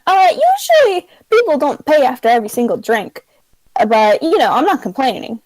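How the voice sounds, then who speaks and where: Woman acting female elf bartender, high voice, easygoing, obliging, casual, tabletop fantasy, dry sound. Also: big pitch swings, moderate pace, darkish tone, dry recording, rough recording. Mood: casual, mildly amused.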